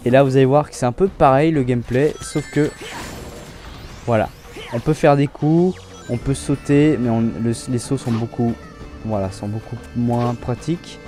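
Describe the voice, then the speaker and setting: A young man gives casual gameplay commentary in a relaxed, chatty manner, often backing up to restart his sentences. His voice is mellow, of average pitch, with faint game music playing underneath. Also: normal speed. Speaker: let's play host.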